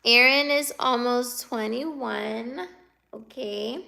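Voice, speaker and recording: A livestreamer in her twenties laughs and teases as she reads out and answers her chat. She speaks slowly, her slightly high voice gravelly and sharp in tone.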